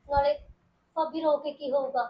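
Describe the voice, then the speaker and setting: An actress playing a caring young woman who calmly reassures and comforts. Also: high-pitched, moderate pace, a little hiss or hum, lightly acted, poor audio. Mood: reassuring. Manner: soothing, reassuring. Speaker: young sister-in-law. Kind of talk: Punjabi web-series acting.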